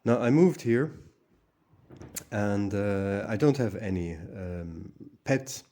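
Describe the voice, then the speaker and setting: A man with a lowish, mellow voice talks to camera for his own channel. He rambles and starts over often, with plenty of ums and uhs. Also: animated, slow. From Hungary. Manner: rambling, many fillers and restarts. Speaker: channel host. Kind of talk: casual monologue vlog.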